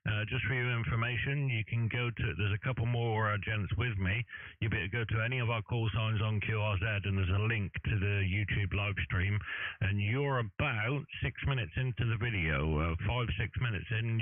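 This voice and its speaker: Low-voiced man, thin radio sound. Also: no room sound, phone-quality sound. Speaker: amateur radio live-stream host. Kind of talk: casual ham radio chat. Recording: dry, thin radio-band audio.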